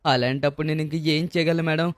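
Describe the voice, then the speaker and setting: A man with a Telugu accent voices a pleading beggar for a game-video dub. His voice sits high for a man, and his plaintive tone comes through a dry, close recording. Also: fairly even intonation, quick pace, no room sound. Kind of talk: dubbed game-video role-play.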